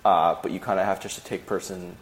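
A man with a very low voice, chatting casually on a podcast. He talks in a thoughtful way and is ready to admit his own faults. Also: steady tone, fast talker, slight background noise. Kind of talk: casual chat.

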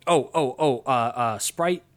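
A man's voice: medium pitch, unhurried. Man rambling through a movie recap. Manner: rambling plot recap with frequent ums and uhs. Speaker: podcast co-host. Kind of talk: casual movie review chat.

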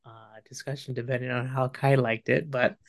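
A man co-hosting a podcast, chatting casually about a film in a rambling, halting way with many fillers and restarts. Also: medium pitch, little pitch movement, vocal fry. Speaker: podcast co-host.

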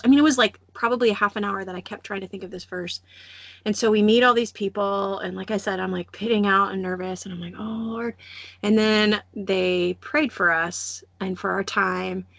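Expressive woman with a gravelly edge, dry sound. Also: medium pitch, dry recording. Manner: animated storytelling, acts out voices and laughs often. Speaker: podcast host. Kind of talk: casual faith podcast chat.

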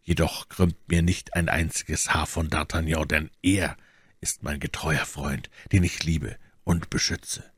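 A stern, coldly menacing nobleman speaks slowly and quietly in a very low, husky voice, as read by a male narrator. The audiobook recording is dry and close. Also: steady tone, dry recording, exaggerated voice. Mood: threatening. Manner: slow, measured, threatening. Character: stern cold nobleman, adult, menacing calm. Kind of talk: audiobook character voice.

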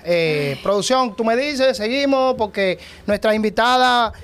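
A woman's voice: on the high side, unhurried. A woman hosting a comedy segment, flustered and apologizing. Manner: flustered, keeps apologizing to production. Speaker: show host.

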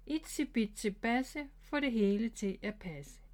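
A woman's voice: fairly high pitch, a little mellow, lightly acted. A woman voicing an eager young boy rabbit who is learning magic, in a storybook read-aloud. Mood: flustered.

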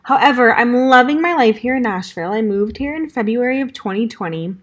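A woman's voice: on the high side, lively intonation, a little fast. A young adult woman from Southern California with a Valley Girl accent, hosting her own podcast in a bubbly, chatty way with lots of "like" and "um". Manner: bubbly, upbeat, chatty with fillers like "like" and "um". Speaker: podcast host. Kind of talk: casual solo podcast chat.

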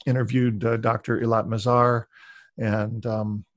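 A man hosting a relaxed interview, talking in a rambling way with many fillers and restarts. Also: medium pitch, measured pace, no echo. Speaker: interview host. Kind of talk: casual interview conversation.

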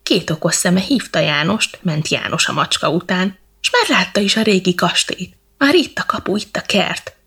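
A woman storyteller reading a bedtime story in verse, slow and rhythmic. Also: fairly low pitch, expressive, gravelly, a bit bright, husky.

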